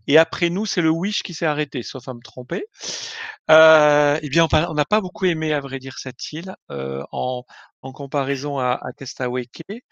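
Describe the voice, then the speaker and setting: A man's voice: on the high side, fairly bright tone, no room sound. Hesitant man on a lo-fi call. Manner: hesitant, many fillers and restarts. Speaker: guest. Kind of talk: casual live-stream chat.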